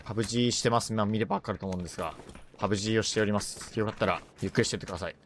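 A woman live-streaming a shooter game in casual chat, rough and tough-talking, joking, reacting loudly to the game and greeting viewers. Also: rumbling low, rapid-fire, a little hiss or hum.

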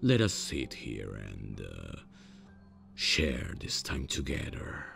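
In a scripted comic ASMR roleplay, a man fully voices a polite yet socially stiff demon from hell, speaking extremely deep, gravelly and very slowly. The demon's formal, deadpan monologue is dotted with awkward hesitations, over soft background music.

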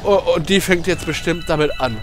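A young man commentating a video game, fast, jokey and rambling. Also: on the high side, music in the background. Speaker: let's play commentator. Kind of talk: casual gaming commentary.

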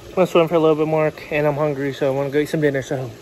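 A young adult man vlogs to the camera outdoors beside a backyard pool, chatty and jokey and now and then yelling out loud. His voice sits on the high side with little pitch movement, he talks very fast, and the background is noisy.

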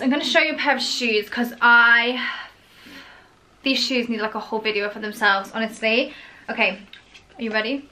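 A woman's voice: on the high side, pushed and bright. A young woman in her twenties, chatting casually and gushing about clothes in a home haul vlog, full of "like" and "so". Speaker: fashion vlogger.

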